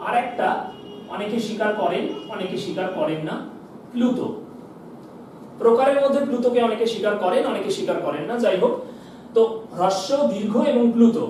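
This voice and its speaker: A man's voice: high-pitched, darkish tone. A male teacher giving a classroom lesson at the board, explaining step by step and asking his class questions he then answers himself. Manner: explains step by step, asks and answers his own questions, often says "কেমন?". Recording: echoey room, voice from far off, faint hiss.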